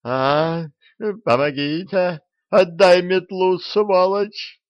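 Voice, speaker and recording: A male narrator voicing a cowardly skeleton guide who talks in an owl's voice, shrill and yelling, in a dull, dry recording. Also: big pitch swings, slow, dry recording. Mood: panicked. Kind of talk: audiobook character voice.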